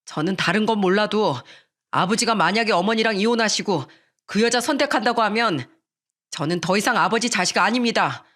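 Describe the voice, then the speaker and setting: An earnest eldest son, as a woman narrator puts him on, pleading and reproaching his father. Plain middle pitch, told storybook style. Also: fairly quick, a bit bright, lightly acted.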